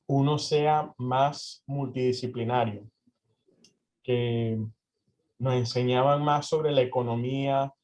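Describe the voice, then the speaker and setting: A young Venezuelan man, appearing as an interview guest, answers questions in a mid-range, slightly mellow voice. He's hesitant, full of fillers and restarts. The lo-fi audio sounds a bit dull.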